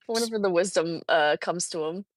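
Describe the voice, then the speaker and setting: A woman's voice: on the low side, brisk, dry recording, studio quality. A woman co-hosting a livestream, giving short wry replies and laughing often. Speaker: livestream co-host. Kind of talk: casual livestream chat.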